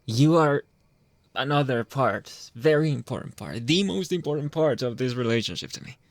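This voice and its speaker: A man plays a jealous, controlling young boyfriend in an intimate ASMR roleplay, speaking haltingly and pleadingly and often sinking toward a whisper. His medium-pitched voice is animated and gravelly, captured on a close, dry mic with no echo; the mood is pleading and intense.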